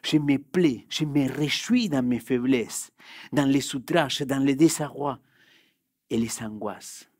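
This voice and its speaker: A young pastor whose first language is Spanish preaches a sermon in a church hall with a Spanish accent, telling a personal story and swinging from loud, urgent bursts to hushed, quiet passages. His voice is medium-pitched and husky, at a slow pace. The sound is clean studio quality with no room sound.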